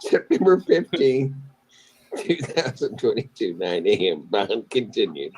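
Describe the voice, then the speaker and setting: A man's voice: fairly low pitch, very animated, a little slow, a little mellow, rough recording. A man speaking as a judge in a courtroom recording, formally calling and adjourning cases. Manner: formal, procedural. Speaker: judge presiding over court. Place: remote court hearing. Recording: courtroom recording with clear background noise.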